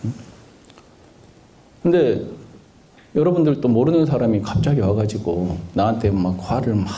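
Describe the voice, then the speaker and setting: A man's voice: lowish voice, normal speed. A man preaching a Buddhist sermon, who keeps asking the listeners questions and answering them himself. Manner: asks the listeners questions and answers them, with lively rises and falls. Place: temple dharma hall.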